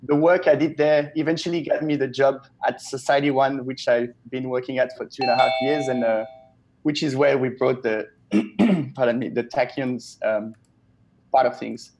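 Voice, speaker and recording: A man in his thirties from Switzerland, a web developer, talking in a relaxed, chatty and enthusiastic way as a guest on a video call from a small home office, speaking into an earphone headset. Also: medium pitch, moderate pace. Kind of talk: casual video-call interview.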